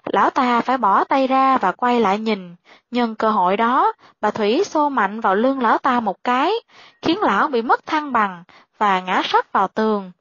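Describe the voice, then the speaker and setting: A woman narrating a spoken horror story in a steady, even-paced reading. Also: fairly high pitch, normal speed, dry recording. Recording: dry, dull lo-fi sound.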